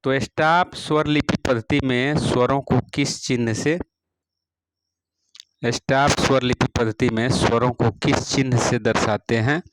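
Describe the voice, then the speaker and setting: A man teaching music, reading out practice exam questions and their answers one by one, repeating each question and adding a steady "all right" after each answer. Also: medium pitch, unhurried, slight background noise, low-quality recording. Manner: repeats each question, fills with "theek hai ji".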